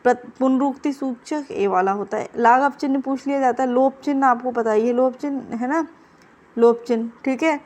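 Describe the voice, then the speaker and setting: A woman teaching an exam prep class, quizzing her students and repeating the answers in a brisk, coaching way. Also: high-pitched, darkish tone.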